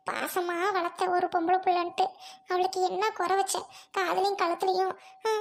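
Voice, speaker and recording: A woman plays a kind village woman. Her voice is very high as she coaxes and consoles. She sounds fretful. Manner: coaxing, consoling, raised worried voice. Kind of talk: amateur Tamil family drama acting.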